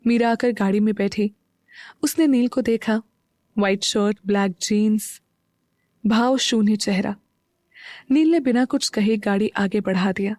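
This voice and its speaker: Woman, audio story narrator, scripted narration, unhurried and even, dry close-miked sound. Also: medium pitch, dry recording.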